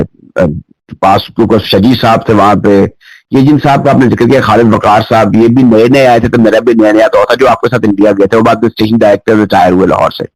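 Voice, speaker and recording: Formal male radio host, lowish voice. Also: darkish tone, no echo, low-quality recording. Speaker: radio sports show host. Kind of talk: radio interview.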